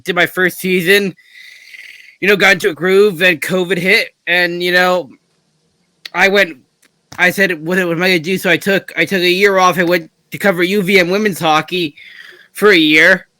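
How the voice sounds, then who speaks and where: A man's voice: high voice, steady tone, normal speed, pushed and bright, no echo. A man, a hockey writer, eagerly telling his story as a podcast interview guest.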